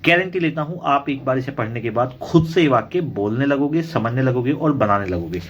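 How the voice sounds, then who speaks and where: A man's voice: medium pitch, animated, a little fast, lo-fi sound, slight background noise. A young man with an Indian accent teaching an English grammar lesson, patiently explaining and repeating example sentences for his students.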